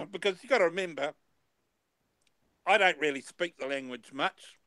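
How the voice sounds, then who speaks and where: A man in his fifties hosts a casual chat, his voice a little high and his pace moderate, with no echo. He rambles, repeats his words, and swears now and then.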